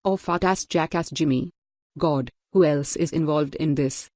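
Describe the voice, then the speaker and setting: A woman narrating a novel in first person, measured and steady. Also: sits low, dry recording, clean studio sound. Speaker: audiobook narrator. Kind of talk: scripted audiobook narration.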